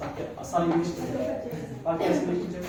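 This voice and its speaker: A man training teachers in English pronunciation. He quizzes his audience, mixes in English phrases and drills words slowly. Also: high voice, completely flat delivery, a crowd in the background. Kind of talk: classroom workshop lecture. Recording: echoey room from far off.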